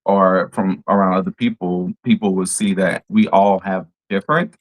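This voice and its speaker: A man from New Orleans with a New Orleans accent, a therapist talking as a podcast guest in a measured way. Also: low-pitched, fairly even intonation, poor audio. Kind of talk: casual podcast conversation.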